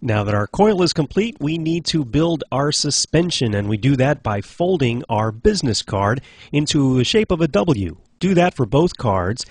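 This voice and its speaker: The man heard here hosts a DIY project show and reads scripted how-to steps in a clear, instructional delivery. He has a mid-range voice, captured as a dry recording with clean studio sound.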